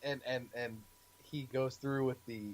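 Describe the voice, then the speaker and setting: A man co-hosting a film podcast, eager and halting as he searches for words. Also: medium pitch, little pitch movement, slight background noise, poor audio. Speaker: podcast co-host. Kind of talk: casual film chat.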